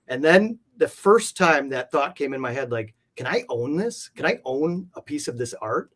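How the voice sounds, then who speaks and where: Here the collector's voice runs a little high and sing-song, fairly bright, at a moderate pace. He's a man being interviewed about comic art, rambling through casual stories with lots of filler words.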